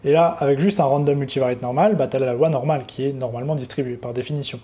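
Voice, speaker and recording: A man's voice: mid-range voice, quick pace, mellow. A young man giving an unscripted coding tutorial, talking casually to the viewer and rambling a little as he works. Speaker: trading educator.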